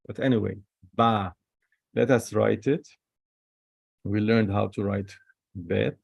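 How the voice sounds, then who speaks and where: Slow, gravelly man teaching Hebrew letters. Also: fairly low pitch, fairly even intonation, no room sound, highs cut off. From Holy Land. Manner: slow, repeats each sound, non-native phrasing. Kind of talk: classroom lesson.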